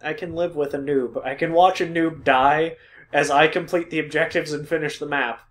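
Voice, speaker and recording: A man's voice: on the high side, fairly even intonation, moderate pace, fairly bright tone. A man co-hosting a casual podcast, cracking sarcastic jokes and wandering off topic. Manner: joking, sarcastic, goes off on tangents. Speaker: podcast co-host. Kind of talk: casual chat.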